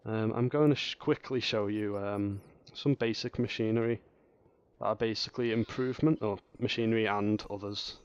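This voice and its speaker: A man's voice: fairly low pitch, fairly even intonation, moderate pace, smooth, muffled recording. Rambling male gaming tutorial host. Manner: rambling, hesitant, many fillers and restarts. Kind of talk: casual gameplay tutorial commentary.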